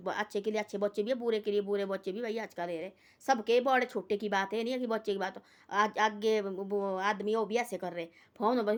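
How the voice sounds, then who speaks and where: A woman telling a moral story in a casual, earnest way. She repeats herself often and keeps tagging quotes with "he said.". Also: medium pitch.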